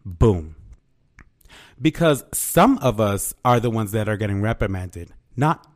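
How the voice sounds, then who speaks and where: A man's voice: fairly low pitch, expressive, measured pace. A man hosting a podcast, telling stories in a casual, profane, slangy rant and acting out both sides of exchanges with sassy animation. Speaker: podcast host. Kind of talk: casual ranting monologue to listeners.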